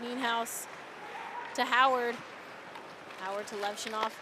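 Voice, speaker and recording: A woman announcer giving rapid, excitable hockey play-by-play as the action moves. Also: on the high side. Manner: excitable, voice jumps on shots and goals. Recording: live arena noise behind. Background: hockey arena ambience.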